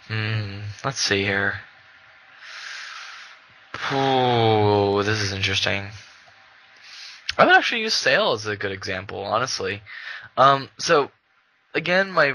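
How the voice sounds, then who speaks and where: Young male podcast co-host, low-ish voice, very bright tone, loose rambling delivery. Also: low-quality recording. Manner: rambling, many fillers and restarts. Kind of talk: casual chat.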